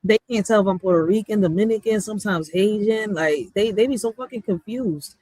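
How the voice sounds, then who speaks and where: A streamer host with a small, girlish voice of medium pitch chats casually in a reaction format, talking briskly in blunt slang. She is animated and often raises her voice. The recording is dry and low quality.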